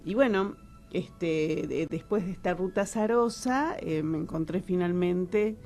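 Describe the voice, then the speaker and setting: An Argentine-accented actress and writer chats casually as a radio guest, rambling and hesitating, often repeating words. Her voice is lowish and darkish in tone, a little slow, with faint music in the background.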